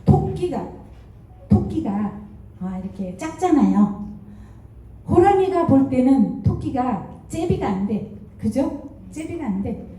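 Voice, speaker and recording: A woman giving a motivational seminar talk as a network marketing distributor, telling stories with lively rhetorical questions. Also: high-pitched. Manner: animated storytelling with rhetorical questions. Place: lecture hall. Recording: echoey hall from far off.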